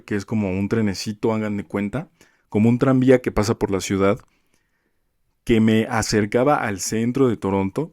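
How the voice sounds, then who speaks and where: A young man tells his work stories in a lively, gossipy way. His voice sits fairly low. The recording is close and dry. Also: dry recording. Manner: animated, chatty storytelling. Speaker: vlogger. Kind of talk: casual storytime gossip.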